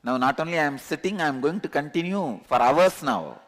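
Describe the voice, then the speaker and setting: A man with a thick Tamil Indian accent, a native Tamil speaker, giving a religious discourse as a spiritual teacher, emphatically repeating key words with pauses. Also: on the high side, lively intonation, fairly bright tone. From Tamil Nadu, India. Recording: long hall reverb.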